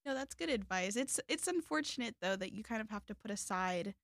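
A woman's voice: medium pitch, animated, fairly quick, a bit bright, dry recording, studio quality. A young woman in her twenties hosting a casual chat, bubbly and chatty, laughing often. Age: 20s. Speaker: host.

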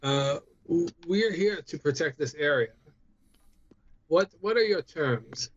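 Higher-pitched man, slightly muffled, playing a tabletop game. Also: animated, slow pace. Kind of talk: improvised in-character negotiation.

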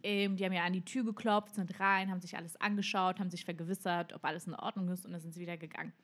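A woman's voice: on the low side, racing. A woman co-hosting a casual podcast, telling a story animatedly and dropping English phrases. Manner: animated storyteller, mixes in English phrases, quotes others dramatically. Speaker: podcast co-host.

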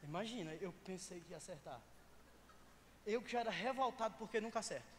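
Man, pastor, Brazilian Portuguese accent, very high voice, animated storytelling sermon, long church reverb. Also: brisk. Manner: animated, humorous anecdote, swings between loud bursts and quiet asides. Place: church sanctuary. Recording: long church hall reverb, faint noise.

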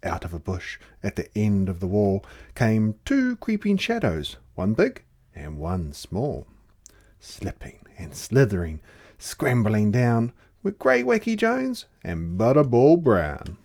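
Reading a rhyming children's picture book aloud, a storyteller delivers it in a theatrical, dramatic way. The voice sits in the mid range and moves at a slow pace.

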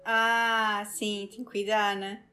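A woman host in a casual interview, asking questions with plenty of fillers and quick laughs. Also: mid-range voice, level tone, bright, forceful tone, clean tone, soft background music. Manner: friendly, questions with many fillers.

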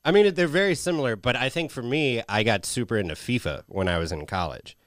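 A man's voice: mid-range voice, lively intonation, brisk, dry recording, clean studio sound. Crude, swearing podcast guy. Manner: crude, laughing, swears freely. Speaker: podcast co-host. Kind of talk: casual chat.

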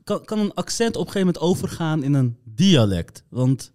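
A man hosting a casual discussion, lively and opinionated as he leads the talk. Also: fairly high pitch, fairly quick. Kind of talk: casual chat.

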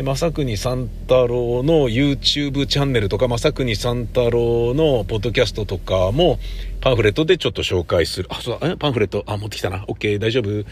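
A man's voice: lowish voice, slight background noise. A man hosting a casual solo podcast, rambling and joking at himself as he talks to himself in a parking lot on a handheld recorder. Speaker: podcast host.

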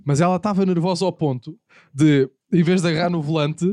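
A young man with a European Portuguese accent, chatting casually with friends and telling rambling, animated stories. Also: fairly high pitch, dry recording, studio quality. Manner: rambling storyteller, quick and animated. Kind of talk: casual chat among friends.

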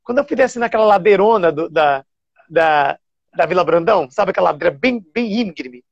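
A TV presenter from Bahia, telling stories animatedly with fillers and restarts. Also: male voice, sits high, animated, a little fast, gravelly, dry recording, muffled recording. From Bahia, Brazil. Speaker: TV show presenter. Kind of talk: casual storytelling interview.

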